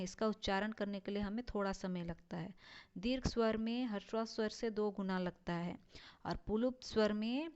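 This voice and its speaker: A woman teacher, slowly explaining a lesson and drawing out her example words. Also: medium pitch, clear, resonant tone. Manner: slow, deliberate, stretches out example words. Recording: dull lo-fi recording.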